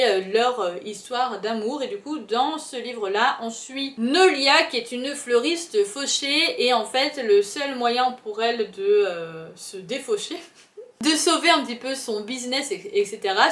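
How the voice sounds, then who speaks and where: A woman's voice: on the high side, normal speed, reverberant. A chatty young woman, talking casually about books, full of fillers. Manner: chatty, animated, many fillers. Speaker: book vlogger. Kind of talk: casual chat.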